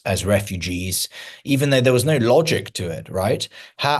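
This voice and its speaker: Man, lowish voice, interview guest, measured, explanatory, frequent restarts. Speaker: interview guest, founder of a news account. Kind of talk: conversational interview answers.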